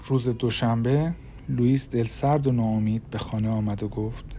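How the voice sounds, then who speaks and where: Man, audiobook narrator, calm storytelling, warm dark tone, faint background hiss. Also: mid-range voice. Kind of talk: scripted narration.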